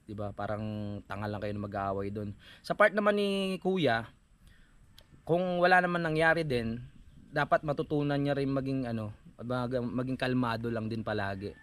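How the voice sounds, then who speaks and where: A man's voice: mid-range voice, lively intonation, moderate pace, a bit bright. Man telling a story, mock-preachy. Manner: mock-preachy, addresses viewers as "mga kapanalig". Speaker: vlogger. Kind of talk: casual storytelling vlog.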